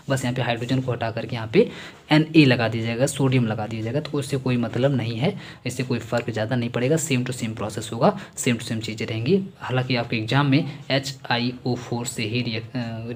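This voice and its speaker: A man gives a chemistry lecture at a middle pitch. He talks in a chatty, repetitive way and mixes Hindi with English technical terms. A faint hiss runs under the recording. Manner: chatty, repeats key points, Hindi mixed with English terms. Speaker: chemistry teacher. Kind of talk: exam-focused classroom lecture.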